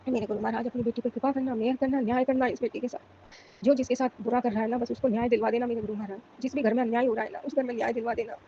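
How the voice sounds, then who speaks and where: A woman's voice: a little high, fairly even intonation, racing, dark tone, muffled recording, a little hiss or hum. A middle-aged woman from Rajasthan giving an emotional, pleading devotional testimony and prayer. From Rajasthan, India.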